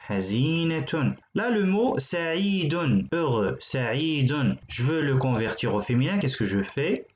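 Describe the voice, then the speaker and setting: A man's voice: mid-range voice, echoey room. Patient male teacher, dull lo-fi sound. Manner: patient, repeats each word slowly several times; explains step by step while writing on a board. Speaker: Arabic teacher. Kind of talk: language lesson.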